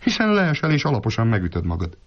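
Guy doing a know-it-all passerby, high voice, plain warning tone, muffled audio. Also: huge pitch swings. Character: knowing, calm adult male passerby. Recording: dull lo-fi recording.

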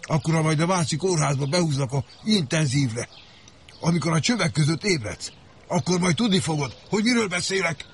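A man's voice: a little high, animated, a little hiss or hum. A man playing a gloomy, blunt factory worker who talks coarsely about dead friends and his own health.

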